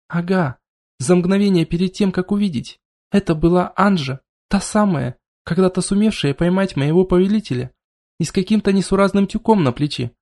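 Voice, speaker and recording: A man narrating an audiobook in the first person, with a fairly high voice. His tone is dark and mellow, and his storytelling stays even and measured. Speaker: audiobook reader.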